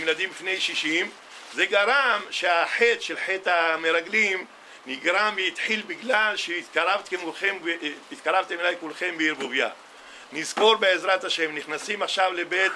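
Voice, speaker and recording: A man's voice: high-pitched, bright, forceful tone, slight background noise. A man, a rabbi, giving a sermon and telling stories with acted-out dialogue. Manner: storytelling, acts out dialogue in a quoted exchange. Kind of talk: Tisha B'Av sermon.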